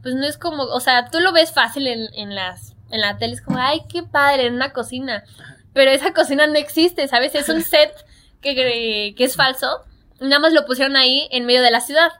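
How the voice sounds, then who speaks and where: A teenage girl with a high, bright voice. She chats casually as a guest and acts out the voices of people she quotes. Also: fairly quick. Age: teens. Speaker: guest, young actress and singer. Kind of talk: casual interview chat.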